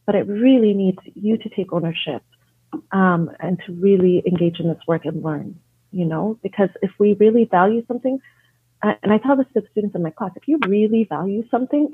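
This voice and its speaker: A woman from Canada, a guest educator in a conversational interview, speaks earnestly and thoughtfully about her work, with frequent restarts. Her husky voice sits at medium pitch, heard over a thin, phone-like line that's dry and echo-free.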